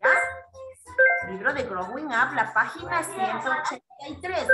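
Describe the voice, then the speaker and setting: High, lively woman teacher coaxing children. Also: measured pace, roomy sound, over loud music. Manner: patient, coaxing, repeats questions. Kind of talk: online class for young children. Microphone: video call.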